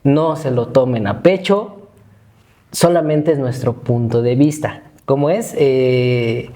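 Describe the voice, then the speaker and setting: Speaking slowly in a warm, medium-pitched voice, this Mexican-accented man in his thirties co-hosts a laid-back podcast. He jokes and chats, then reads out an essay of his own.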